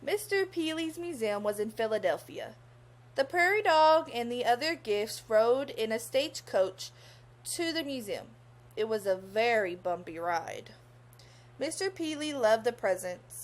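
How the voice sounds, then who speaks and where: Using a fairly high voice with lively intonation, a young adult woman expressively reads a children's story. Teacher-like, she pauses to pose questions to the young audience.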